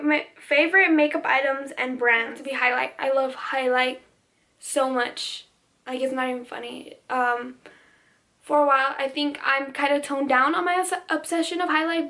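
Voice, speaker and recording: Her high-pitched, slightly bright voice belongs to a teen beauty vlogger in the US who grew up speaking Spanish first. She answers Q&A questions in a casual way, full of "like" and sentences she starts over.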